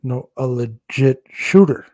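A man co-hosting a podcast, chatting casually with self-deprecating jokes and halting restarts. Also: mid-range voice, mellow, no echo. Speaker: podcast co-host, referee.

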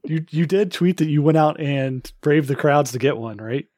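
A man's voice: a little high, normal speed, a little mellow, no echo, clean studio sound. A man co-hosting a podcast, asking curious questions in casual chat. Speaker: podcast co-host.

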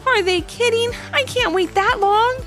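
A woman voicing an eager, determined young girl in a children's story, high and excited, pleading hard to get her way. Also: a little slow, soft background music.

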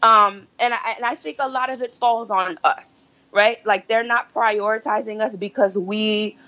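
A woman's voice: medium pitch, fairly even intonation, unhurried, sharp tone. Woman explaining, frequent "right?". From United States (New Jersey). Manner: explanatory, often checks in with "right?". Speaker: podcast guest, political organizer. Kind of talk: casual conversation. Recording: dull, muffled audio.

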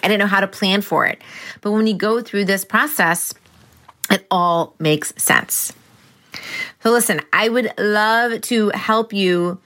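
A woman's voice: mid-range voice, bright, forceful tone. A woman productivity coach teaching in a chatty, playful way, often checking in with her listeners. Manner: chatty and playful, keeps asking "right?". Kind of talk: casual teaching monologue.

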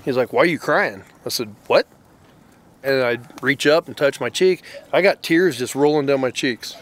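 A middle-aged man whose son is a Marine tells an emotional story in a medium-pitched voice. He speaks bluntly and haltingly, swearing freely as he goes.

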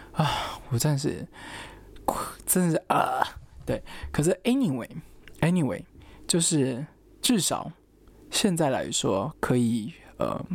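A young adult student casually tells a personal story in a mid-range, slightly mellow voice, with no room sound. Chatty in manner, the student quotes others and strings thoughts together with plenty of fillers like "然后" and "anyway."

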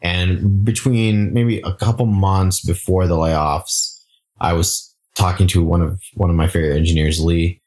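A man's voice: low-pitched, unhurried. A man who grew up in Singapore, a startup founder talking casually in an interview, full of fillers and restarts. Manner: relaxed, frequent fillers and restarts.

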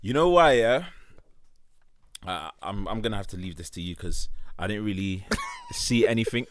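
A man's voice: fairly low pitch, normal speed. A young man with an urban London roadman accent, co-hosting a podcast with casual, slangy, sweary banter. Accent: London, urban roadman slang style. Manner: slangy, sweary, animated reactions. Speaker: podcast co-host.

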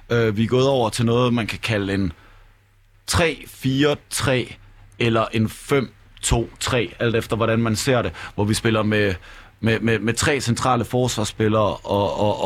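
A man chatting casually about football as a podcast panelist, often stumbling and repeating the same word before he gets going. His voice sits at an ordinary middle pitch. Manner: stammering, repeats words. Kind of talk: casual chat.

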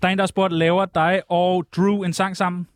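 A man's voice: high-pitched, little pitch movement, dry recording, clean studio sound. A male radio host in casual chat, teasing his guest and reading out listener questions. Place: radio studio.

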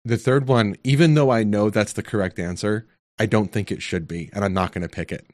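A man with a low, deep voice works through quiz questions out loud in a relaxed tech chat. He hesitates, fills gaps with ums and talks himself toward an answer. His voice sounds dry and close, with no room echo. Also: brisk. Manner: thinks aloud, hesitant, many ums. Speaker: quiz contestant.

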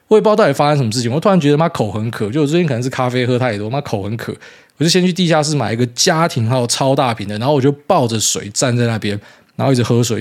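A man's voice: medium pitch, a little mellow. A man in his thirties with a Taiwanese Mandarin accent, hosting a casual solo podcast in a rambling, blunt way with mild swearing. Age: 30s. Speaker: podcast host.

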